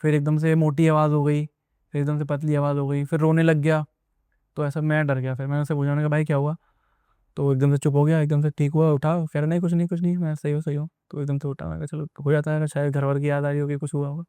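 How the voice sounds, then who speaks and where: A man's voice: on the high side, monotone, fast, warm tone, clean tone, dry recording. A young man casually recounting an experience as a guest, rambling and repeating himself as he tells it. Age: young adult. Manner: rambling, repetitive retelling with many asides. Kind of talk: casual spoken storytelling.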